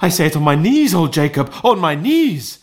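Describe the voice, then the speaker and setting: A man voicing an overjoyed, reformed old miser in a theatrical audiobook reading, gushing and breathlessly excited. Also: high voice, brisk, creaky, voice pushed up, full character voice. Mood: fervent gratitude.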